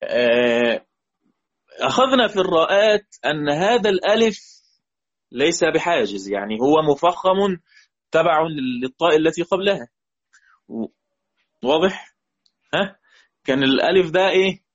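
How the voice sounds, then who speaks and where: An Egyptian man teaching recitation rules in a lecture, with a husky voice that sits a little high. He keeps asking the class questions and repeats the example words in a chant. The recording is dull and lo-fi. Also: expressive, moderate pace, long pauses. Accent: Egyptian Arabic.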